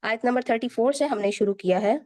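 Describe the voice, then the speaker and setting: A woman's voice: fairly high pitch, darkish tone. Patient woman teaching recitation sounds. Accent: Pakistani Urdu. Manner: patient, drills letter sounds slowly and repeats them. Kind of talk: online tajweed lesson.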